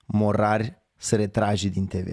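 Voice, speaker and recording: Hoarse man hosting a casual live stream. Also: lowish voice, level tone, darkish tone, no echo, studio quality. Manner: rambling, conversational, self-correcting. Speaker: host of a live online show.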